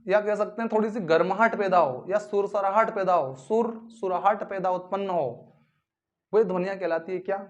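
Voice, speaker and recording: High-pitched guy teaching a class, keeps repeating stuff and quizzing students, muffled lo-fi audio. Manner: repetitive, drills sounds aloud, asks students questions. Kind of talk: classroom lesson. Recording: dull lo-fi recording.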